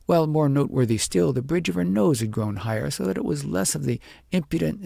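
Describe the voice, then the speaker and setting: An audiobook reader with a husky, gravelly, mid-range voice narrates a scripted storybook tale in a measured, expressive way. The recording is dry and of studio quality.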